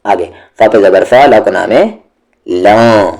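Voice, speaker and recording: Speaking with a fairly low, slightly mellow voice touched by vocal fry, a man teaches Quran recitation. His lesson is a slow, stepwise tajweed drill, patiently elongating one syllable at a time.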